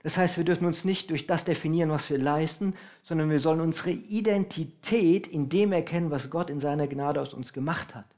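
Male preacher, high-pitched, emphatic, stretches key phrases. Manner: emphatic, varies loudness, slows for stress. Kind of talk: sermon.

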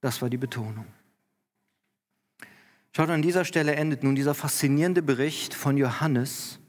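A man's voice: mid-range voice, moderate pace. A pastor preaching to his congregation, explaining scripture in an earnest way and lifting his voice with emphasis when he quotes the text. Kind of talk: sermon. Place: church hall. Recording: long church-hall reverb.

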